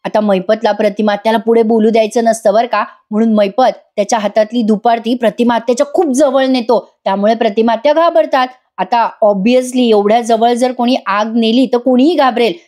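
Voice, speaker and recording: Woman narrating a lively episode recap. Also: a little high, fairly quick, few pauses. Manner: lively storytelling, addresses viewers directly. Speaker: serial reviewer.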